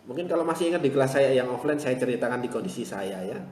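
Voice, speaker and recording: A man leads a live online class, reassuring his viewers and repeating gentle encouragements, then getting loud and animated to press a point home. His mid-pitched voice rings through a hard, echoey room, and a long reverb trails each phrase. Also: quick pace, a little hiss or hum. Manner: reassuring, repeats "ya" and "insya Allah", swings to loud animated emphasis. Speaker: motivational teacher.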